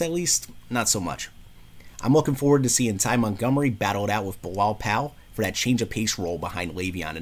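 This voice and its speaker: A man with a New York accent hosting a casual sports show, talking football in a slangy, lively way. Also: on the low side. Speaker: host.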